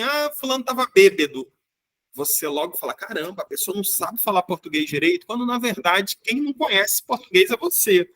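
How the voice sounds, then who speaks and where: A man's voice: high-pitched, sharp tone, no room sound. A man from Brazil teaching a grammar lesson, explaining patiently and often checking in with "né?" and "tá?". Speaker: Portuguese teacher.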